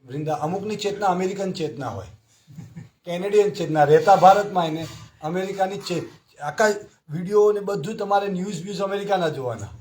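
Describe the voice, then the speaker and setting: Man giving a lively scripture talk. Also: high voice, brisk. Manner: storytelling with frequent rhetorical questions to the audience. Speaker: devotional class speaker. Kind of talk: scripture class sermon.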